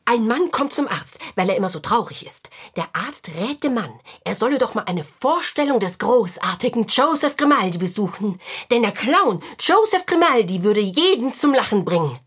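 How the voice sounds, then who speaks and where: Grumpy, gloomy female clown; sulky, self-pitying, slightly high, husky, lively pitch. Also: moderate pace, few pauses, full character voice. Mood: glum. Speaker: actress. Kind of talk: children's radio play acting.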